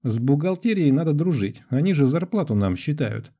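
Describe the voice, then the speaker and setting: A guilty, balding husband from an audiobook comedy scene, whining out excuses in a thin, raised voice, as a narrator plays him. The underlying tone is dark. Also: male voice, a little high, very animated, normal speed, voice pushed up. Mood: whiny excuses. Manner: whiny, excuse-making.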